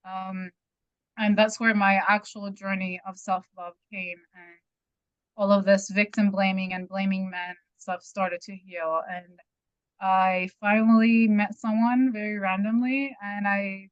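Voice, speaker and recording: A woman's voice: mid-range voice, little pitch movement, unhurried, clean tone, no echo. A woman in her thirties, from Iran, telling her personal story candidly and emphatically in a group circle. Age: 30s. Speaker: participant sharing her story. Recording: dull dry lo-fi audio.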